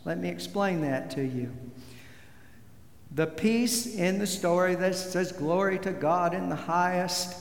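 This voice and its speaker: A man preaching a sermon as pastor, slow and deliberate, leaning hard on key words. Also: sits high, creaky. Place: church sanctuary. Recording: echoey hall with long reverb.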